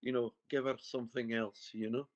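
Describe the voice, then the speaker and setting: A man's voice: medium pitch, flat delivery, fairly quick, no room sound. A man with a broad Scottish accent, working as a medium and chatting informally, with some banter, in a one-to-one reading. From Scotland. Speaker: spirit medium giving a private reading. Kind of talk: casual chatty one-to-one consultation. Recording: dull, muffled lo-fi sound.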